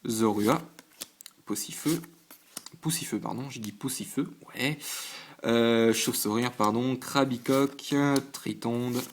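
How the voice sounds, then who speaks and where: Unhurried and fairly even in intonation, this medium-pitched male voice comes with slight background noise. He hosts his own channel from a home desk under a lamp, casually opening trading card packs for the camera, reacting briefly to each item he lists and often stumbling before restarting with fillers.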